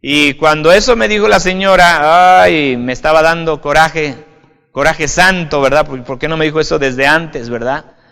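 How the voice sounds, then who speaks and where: A man's voice: on the high side, moderate pace, gravelly, fairly bright tone, smooth. A male pastor preaching an informal video sermon in a slightly raised voice. He talks conversationally, addressing the listener directly and tagging on little check-ins. The sound carries a long hall reverb. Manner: conversational, often adds "right?", addresses listener as "usted".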